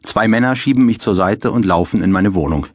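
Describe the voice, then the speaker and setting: Guy reading his own novel, wry and dry, lowish husky voice, dead dry recording. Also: a little fast, no room sound. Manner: dry, wry, first-person storytelling. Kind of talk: audiobook narration.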